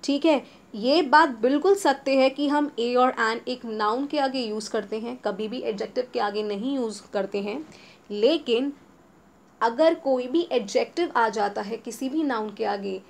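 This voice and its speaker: Indian woman teacher, high voice, explains step by step, talks right to the students. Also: creaky. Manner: stretches out example words slowly. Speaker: English teacher. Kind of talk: exam-prep grammar lesson.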